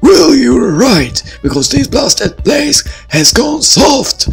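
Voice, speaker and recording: A man voicing a blustery male history teacher who barks orders like a drill sergeant, shouting high and loud. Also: sing-song, slow, creaky, husky, soft background music, exaggerated voice. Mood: bellowing.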